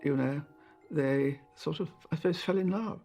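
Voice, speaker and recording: An older woman in an interview, reminiscing in a chatty, anecdotal way with halting asides. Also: sits low, music in the background. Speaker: interviewee, royal insider.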